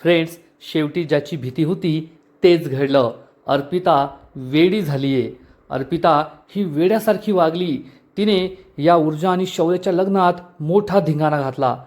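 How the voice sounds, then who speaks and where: A man recapping a TV serial episode in an animated, storytelling way. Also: a little high, moderate pace. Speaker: TV serial reviewer.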